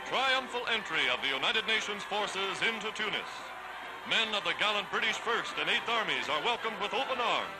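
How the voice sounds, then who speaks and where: A man's voice: high-pitched, lively intonation, moderate pace, low-quality recording. A man giving 1940s wartime newsreel narration in a declamatory, stirring and triumphant way. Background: loud music.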